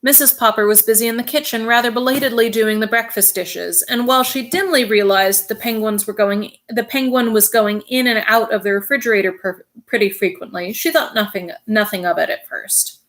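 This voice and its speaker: A woman reading a children's chapter book aloud in a clear, steady narration. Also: a little high, brisk, hardly any pauses. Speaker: reader.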